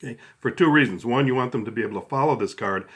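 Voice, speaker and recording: A man's voice: medium pitch, quick pace, fairly bright tone, husky. A middle-aged man talks through a hands-on tutorial step by step in a casual, conversational way, often checking in as he goes. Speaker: card trick instructor.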